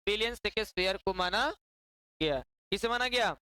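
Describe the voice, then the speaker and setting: A woman's voice: mid-range voice, normal speed, fairly bright tone, smooth, no room sound, rough recording. A woman teaching a class, repeating key words and quizzing her students with constant questions. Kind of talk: classroom lecture.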